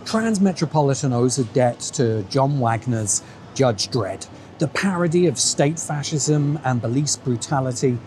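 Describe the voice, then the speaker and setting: A man narrates a scripted, opinionated video essay in a sardonic, emphatic way, his medium-pitched, darkish voice animated but a little slow. A music bed plays under him, and there is a slight hiss or hum.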